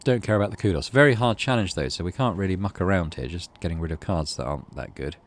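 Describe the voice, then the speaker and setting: This man talks fast, and his voice sits low. Hosting a gaming channel, he plays through a visual novel, reading its story text and thinking aloud in a casual let's play.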